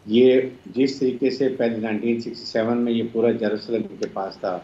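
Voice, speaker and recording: A man from Pakistan, a brigadier appearing as a defense analyst on a TV panel, explaining in a measured way. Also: medium pitch, fairly even intonation, mellow, reverberant, muffled recording, slight background noise.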